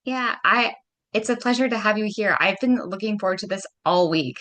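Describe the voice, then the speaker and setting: A woman's voice: medium pitch, normal speed. A woman from Canada hosting a podcast, asking questions in an encouraging, casual way with fillers. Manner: warm-hearted, encouraging, with fillers. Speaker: podcast host. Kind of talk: casual interview chat.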